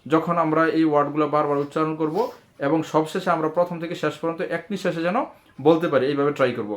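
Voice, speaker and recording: Man slowly drilling English letters. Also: on the high side, fairly even intonation. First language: Bengali. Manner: slow, drilling letters one by one with repeats. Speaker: English pronunciation teacher. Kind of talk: lesson.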